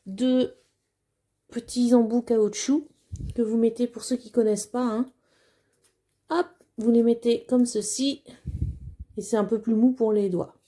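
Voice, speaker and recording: A woman's voice: on the high side, fairly even intonation, measured pace, long pauses, warm tone. A woman chatting casually as she unboxes a craft kit at home, hesitant with many fillers and plainly enthusiastic. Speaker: crafting vlogger.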